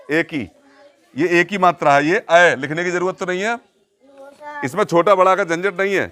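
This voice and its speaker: A man teaching a class, with a voice that sits a little above the usual male pitch. He stops often to quiz the students and chants syllables one after another for them to follow. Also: fairly bright tone. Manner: asks the class questions and drills syllables aloud. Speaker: Hindi teacher. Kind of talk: classroom lesson.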